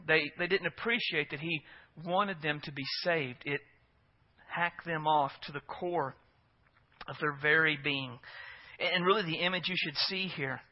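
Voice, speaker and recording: A man's voice: on the high side, highs cut off. A man preaching a sermon as pastor, earnest and emphatic, often asking his listeners rhetorical questions.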